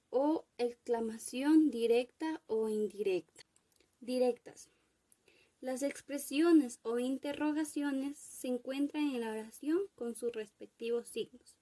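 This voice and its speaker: Young woman student, high mellow voice, unhurried careful reading of a class talk. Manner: careful, measured reading of definitions and word lists. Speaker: university student presenter. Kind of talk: read-aloud class presentation.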